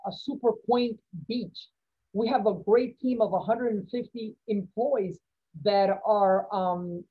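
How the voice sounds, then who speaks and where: A middle-aged woman, a city manager, answering questions in an online lecture, upbeat and encouraging, listing points in quick bursts from her office webcam. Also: mid-range voice, slightly rough. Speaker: city manager, guest speaker. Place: office with poster on the wall. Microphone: laptop webcam on video call. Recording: dull lo-fi video call audio.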